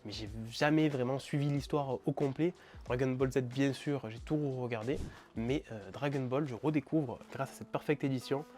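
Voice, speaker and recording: A man's voice: medium pitch, normal speed, a little mellow. Chatty young man gushing over manga. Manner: enthusiastic, chatty, many fillers. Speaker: manga collecting YouTuber. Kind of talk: casual vlog narration.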